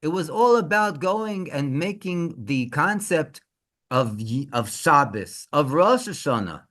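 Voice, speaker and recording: A male rabbi telling a story in an animated, halting way, often repeating words. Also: fairly high pitch. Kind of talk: storytelling talk.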